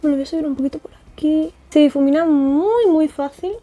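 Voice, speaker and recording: A woman's voice: high voice, a little fast, warm tone. A young woman with a Spanish accent from Spain, chatting effusively to camera as she tries on makeup, with lots of fillers and tag questions. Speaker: makeup artist reviewing cosmetics. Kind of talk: casual beauty vlog, trying products on camera. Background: faint background music.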